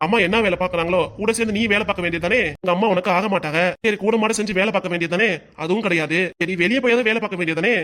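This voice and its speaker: A woman's voice: mid-range voice, fairly bright tone, lightly acted. Woman voicing a bossy, scornful cartoon husband. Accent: Kanyakumari Tamil. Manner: blunt, scornful, lecturing. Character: bossy, blaming grown husband, man.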